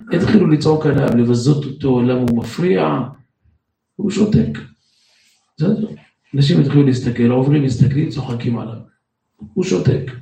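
Religious storyteller, male, animated short phrases, dark and gravelly, roomy echo. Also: mid-range voice. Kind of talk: lively spoken moral tale. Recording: roomy echo, distant mic.

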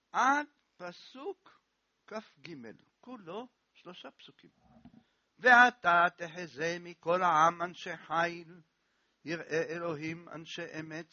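A man giving a sermon, telling stories as a lively storyteller who repeats words for emphasis, in a dull, dry recording. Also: high voice, dry recording. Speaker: rabbi giving a lesson.

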